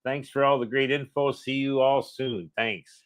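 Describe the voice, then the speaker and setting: Guy co-hosting a livestream, mid pitched voice, easygoing, reads out comments and chats. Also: fairly even intonation, measured pace. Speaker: livestream co-host. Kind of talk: casual live chat, reading out viewer comments.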